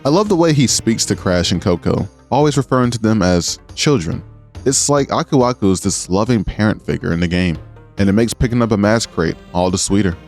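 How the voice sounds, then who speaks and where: A man's voice: lowish voice, expressive, brisk, a little mellow. A man narrating a scripted video essay with earnest, appreciative commentary. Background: music.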